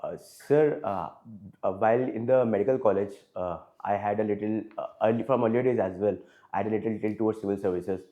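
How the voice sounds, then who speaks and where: A man's voice: on the low side, a little fast, phone-quality sound. A man in his twenties with an Indian English accent answering interview questions formally, hesitant with many fillers and deferential. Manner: hesitant, frequent fillers, deferential, adds "sir" often. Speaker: interview candidate.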